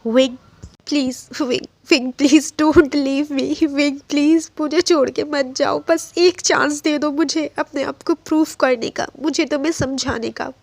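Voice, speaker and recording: Lady doing a teary young guy pleading, halting repeats, dry close sound. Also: high voice, steady tone, dry recording. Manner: pleading, faltering, repeats words. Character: tearful young man pleading with his love.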